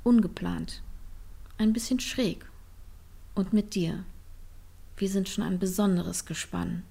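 A woman voicing a playful, chaotic young woman who is bubbly and excitable, in a storybook reading. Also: mid-range voice, slow pace, creaky, slightly rough, exaggerated voice. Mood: tender.

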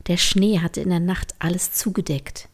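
A woman reading a bedtime story aloud, softly and often in a whisper. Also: fairly low pitch, steady tone, normal speed. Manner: soft, often whispered narration.

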